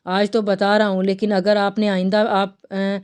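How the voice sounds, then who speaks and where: A woman voicing a possessive, doting young man in a romantic novel read aloud, in smooth clear tones. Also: medium pitch, level tone, a little mellow, close to an everyday voice. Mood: cold. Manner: tender, then coldly possessive.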